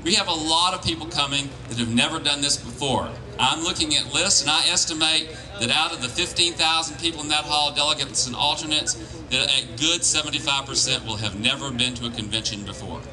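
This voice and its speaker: A plain-spoken man giving an informal political speech as a campaign organiser, with halting restarts. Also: fairly high pitch. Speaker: campaign organiser addressing volunteers. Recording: crowd noise behind live speech. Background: crowd.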